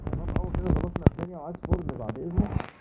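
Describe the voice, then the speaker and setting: A man's voice: high voice, very fast, very noisy. A man with an Egyptian Arabic accent giving chatty let's play commentary, talking to himself and his viewers as he plays. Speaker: gaming YouTuber.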